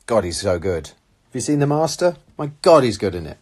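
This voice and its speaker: A man's voice: lowish voice, big pitch swings, moderate pace, a little mellow, husky. A young man casually chatting on a live phone stream, talking animatedly and reading out viewer comments from a small room. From England. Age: young adult. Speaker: livestream host answering viewer questions. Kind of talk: casual chat. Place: small room indoors, seated on red sofa. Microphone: phone at arm's length.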